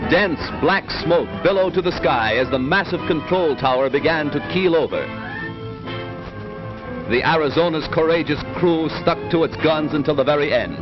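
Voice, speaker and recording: A man narrating a 1940s newsreel in an emphatic, rousing, declamatory style, on an old newsreel soundtrack. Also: a little high. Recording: dull lo-fi 1940s film sound with music. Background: music.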